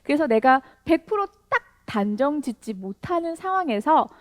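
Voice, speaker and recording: A woman teaching English in a video lesson, lively and encouraging, asking her viewers questions and laughing often. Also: high-pitched, normal speed, no echo.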